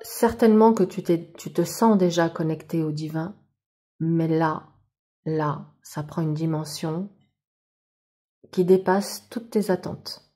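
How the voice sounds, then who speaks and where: A tarot card reader gives a monthly reading addressed directly to the viewer, speaking slowly in a warm, fairly low voice. Casual, spiritual and enthusiastic, she frequently exclaims in wonder at the cards.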